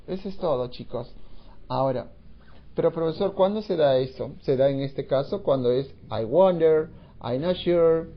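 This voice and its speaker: A man teaching an English grammar lesson in Spanish, explaining slowly and repeating phrases, with English examples mixed in. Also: fairly high pitch, lo-fi sound.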